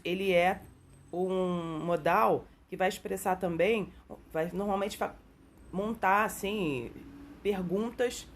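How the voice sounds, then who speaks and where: Husky-voiced woman teaching English. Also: fairly low pitch. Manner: patient, explains step by step with frequent "tá?" and "né?"; reads English example sentences slowly and deliberately. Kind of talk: explanatory video lesson.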